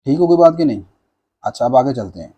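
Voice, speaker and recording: A man's voice: medium pitch, animated, fast, mellow, slightly rough. A man teaching a maths lecture, patiently walking through proofs. He mixes English maths terms into his speech and often checks in with "theek hai na".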